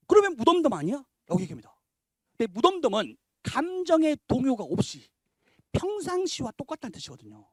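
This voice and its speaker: A male teacher lecturing parents on exam prep, his pitch rising and falling a lot as he stresses points. He asks rhetorical questions and defines words one at a time. The sound is dry and close. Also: no echo. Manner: animated, emphatic lecturing. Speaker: Korean language teacher.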